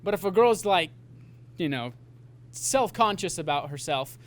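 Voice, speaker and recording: A man in his twenties answering panel questions earnestly, with a casual, slightly halting way of talking. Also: high-pitched, lively intonation. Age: 20s.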